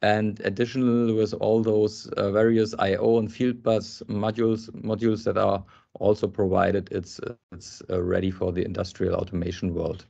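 A man's voice: fairly low pitch, flat delivery, moderate pace, creaky, warm tone. Hesitant man presenting over a lo-fi video call. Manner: hesitant, many ums and restarts. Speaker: software architect presenting. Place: indoor office. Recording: dull lo-fi video call audio.

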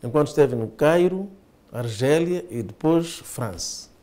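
A middle-aged man hosting a studio TV interview, asking measured, formally phrased questions. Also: fairly high pitch, lively intonation, mellow.

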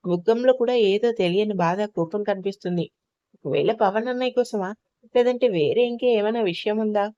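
A woman's voice: mid-range voice, moderate pace, mellow, no echo, lo-fi sound, natural voice. A woman voicing a tender, childlike young woman who asks anxious, pleading questions in a read-aloud audio story. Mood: worried.

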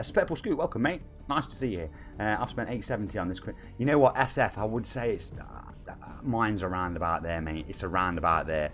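40s nottingham guy streaming, chatty and cheeky, voice bouncing up and down, faint music behind. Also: lowish voice. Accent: Nottingham English. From England. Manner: chatty, cheeky, reads viewer comments aloud. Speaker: streamer reading chat. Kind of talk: casual live-stream chat.

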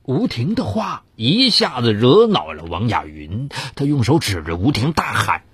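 A man's voice: huge pitch swings, unhurried, fairly bright tone, breathy edge. A man narrating a dramatized true-crime story in a theatrical, suspenseful way. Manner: theatrical, swings of pitch for suspense.

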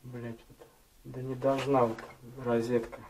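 A man's voice: medium pitch, little pitch movement, measured pace, a little mellow, low-quality recording. A blunt, matter-of-fact man chats with his crew while doing gas welding, his words plain and peppered with swearing. He is picked up close by a camera strapped to his head, a faint hiss underneath. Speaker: gas welder. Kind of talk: casual work chat. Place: small indoor basement utility room. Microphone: head-mounted action camera.

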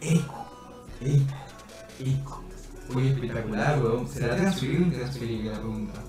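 A man streaming a game in casual, playful chat, his voice wrapped in a heavy canyon-like echo. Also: moderate pace. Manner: playful, chatty, thanks viewers by name. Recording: booming echo, voice set back from the mic, faint music.

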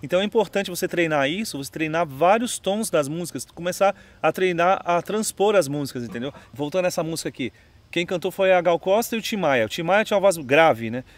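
A man's voice: a little high, expressive, quick pace, no room sound. A Brazilian man with a Brazilian Portuguese accent, teaching singing in a casual video lesson, chatty, often checking in with "entendeu?". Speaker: music teacher. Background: his own guitar playing.

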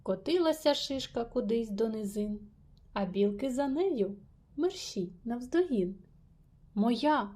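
A woman reading a rhyming children's story aloud with lively, playful emphasis. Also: a little high, measured pace. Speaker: reader.

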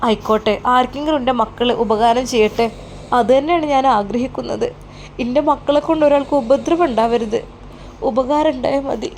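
A woman playing an anxious older mother in a storybook tale, praying and pleading in a fretful, slightly high voice. Her colours every worried word. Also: fairly quick, darkish tone, a little hiss or hum, lightly acted.

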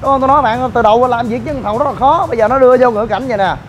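A man's voice: very high-pitched, rapid-fire, muffled recording, faint music behind. A man ranting to viewers while inspecting shoddy building work, scolding and exasperated. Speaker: gym owner and vlogger. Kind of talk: ranting vlog walk-through.

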